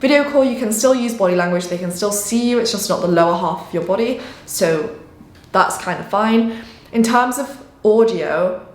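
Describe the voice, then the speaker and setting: A woman talking casually to camera as a sales coach, expressive, often shifting her pitch and energy as she explains. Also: moderate pace. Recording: echoey room.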